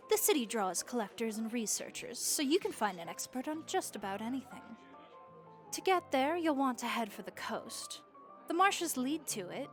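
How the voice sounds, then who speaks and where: A woman with a slightly high, natural voice plays a friendly, worldly vampire innkeeper in a comforting audio roleplay. She's chatty and encouraging, with a wry, folksy way of speaking.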